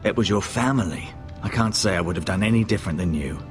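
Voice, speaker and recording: An actor playing a solemn older male maester and healer in a video game, speaking in a measured, advising way. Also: low voice, close to an everyday voice. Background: game music.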